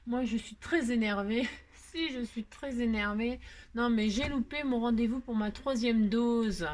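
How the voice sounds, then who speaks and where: A French-accented woman talks through a crafting tutorial at her table in a chatty, self-mocking way, full of fillers. Her voice sits a little higher than most. Faint background noise runs under the recording. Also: measured pace. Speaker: crafting video host. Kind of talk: casual craft tutorial chat.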